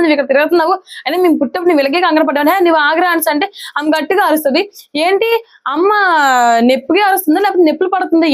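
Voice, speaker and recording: A woman retelling a TV serial episode in a casual recap, acting out the characters' lines as she goes. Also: high-pitched.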